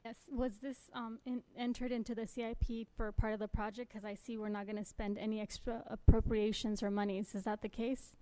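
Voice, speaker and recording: A woman's voice: fairly high pitch, little pitch movement, brisk, hardly any pauses, dark tone, rough recording. A woman councilmember insistently stating her objection for the record at a council meeting. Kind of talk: council debate.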